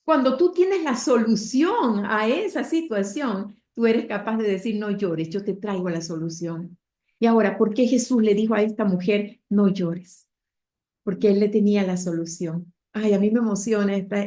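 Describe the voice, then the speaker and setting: A woman's voice: medium pitch, normal speed, few pauses, dark tone. A woman preacher retelling a Bible story with heartfelt emotion, speaking directly to her listeners.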